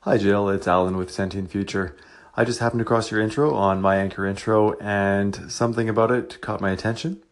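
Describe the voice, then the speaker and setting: A man's voice: lowish voice, fairly even intonation, fairly quick. A man and fellow podcaster leaving a casual voice message, slightly hesitant.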